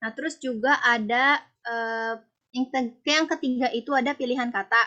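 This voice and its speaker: A woman's voice: a little high, fairly even intonation, moderate pace, sharp tone. A young woman giving a class presentation, explaining casually with many fillers and restarts. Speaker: student presenter. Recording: dull lo-fi recording.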